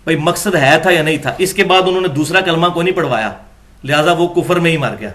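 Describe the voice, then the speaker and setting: In a slightly high, somewhat bright voice, a man lectures on religion and reads passages from books. He presses his arguments and climbs to emphatic high points.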